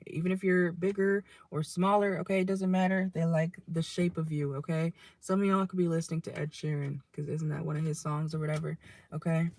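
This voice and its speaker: A young adult tarot reader giving a casual reading from a parked car, chatty and loose, swearing now and then and tagging nearly every line with "okay?". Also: medium pitch.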